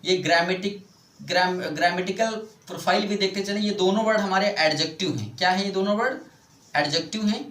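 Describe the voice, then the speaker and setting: Mixing Hindi with English, a man teaches English vocabulary, explaining slowly, repeating words and putting questions to his students. His voice sits high and a bit bright, and the sound is reverberant.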